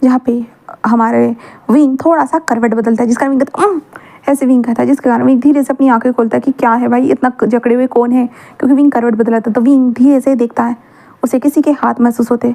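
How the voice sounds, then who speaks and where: A woman's voice: fairly high pitch, fairly even intonation, fast, creaky, mellow. A woman casually retelling a fan fiction story, mixing English words into her narration.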